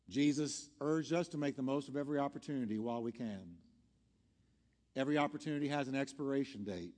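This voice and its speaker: Earnest and exhorting, a pastor preaches toward an altar call using short, emphatic phrases he repeats for force. His voice is medium in pitch and a little mellow. Music and long hall reverb surround the recording.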